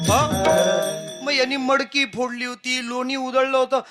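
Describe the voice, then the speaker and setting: A male kirtan preacher telling a devotional story in a lively way, acting out the characters as he goes. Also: very high voice, moderate pace, over loud music.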